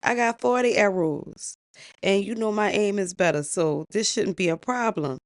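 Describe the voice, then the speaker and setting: A woman's voice: mid-range voice, moderate pace, no echo, voice pushed up, lightly acted. A woman voicing a boastful male hunter bragging about his arrows.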